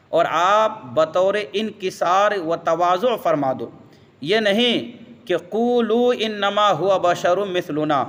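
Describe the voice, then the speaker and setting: A man with a fairly high voice teaches a religious lesson. He explains patiently, quotes Arabic verses and answers his own questions. His voice rings with the long reverb of a hall. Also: fairly bright tone.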